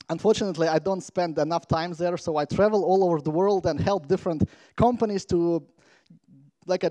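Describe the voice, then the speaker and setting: A man from Latvia giving a playful, energetic conference talk from a stage microphone. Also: high voice, no room sound. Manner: energetic, playful, engages the crowd. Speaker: conference speaker.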